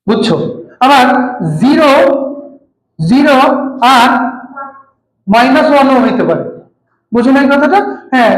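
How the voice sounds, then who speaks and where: A male physics teacher gives a classroom lecture. He repeats key terms and keeps asking his students whether they follow. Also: very high-pitched. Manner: patient, repeats key terms, asks checking questions. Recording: echoey room.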